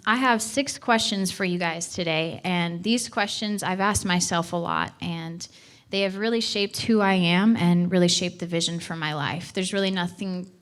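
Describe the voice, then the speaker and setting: Young woman doing a church talk on stage, lowish voice, earnest and chatty, lots of um's and restarts. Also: a bit bright. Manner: earnest and chatty, with fillers and self-corrections. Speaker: missions director. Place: church hall.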